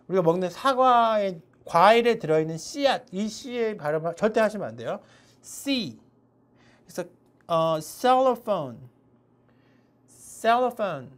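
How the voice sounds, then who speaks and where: A woman teaching an online English pronunciation lesson, explaining and demonstrating letter sounds slowly and repeatedly. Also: mid-range voice.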